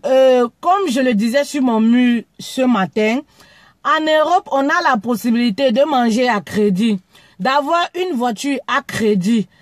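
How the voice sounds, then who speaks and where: A woman's voice: a little high, animated, a little slow, dry recording. A woman from Cameroon talking frankly in a casual live video, often stumbling and repeating words. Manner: frank, stammering repetitions. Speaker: live streamer.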